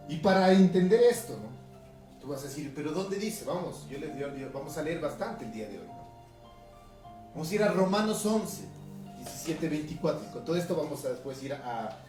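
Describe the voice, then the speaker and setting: Male Ecuadorian pastor, highland accent, conversational sermon, somewhat high voice, recorded off-mic in a reverberant hall. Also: lively intonation, moderate pace. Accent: Ecuadorian highland Spanish. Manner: conversational preaching, reading scripture aloud, frequent tag questions. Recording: echoey room from a distance, music behind.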